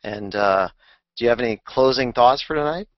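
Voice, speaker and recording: A man's voice: medium pitch, normal speed, no echo, lo-fi sound. A man hosting a webinar, wrapping up and thanking the presenter and audience with frequent fillers. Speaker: webinar host. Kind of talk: closing remarks of a webinar.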